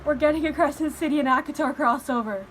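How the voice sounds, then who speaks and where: A woman's voice: high voice, quick pace, a little hiss or hum, low-quality recording. A young woman reacting to a book on her vlog, emotional and close to crying, swearing and stumbling over her words. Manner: excited, swearing, stumbling, near tears. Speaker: book vlogger.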